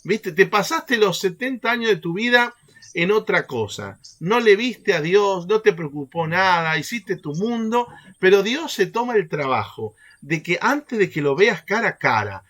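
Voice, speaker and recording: Lively man leading a faith workshop. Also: sits high, unhurried. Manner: animated, keeps checking in with the group through rhetorical questions. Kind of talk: teaching a catechesis workshop.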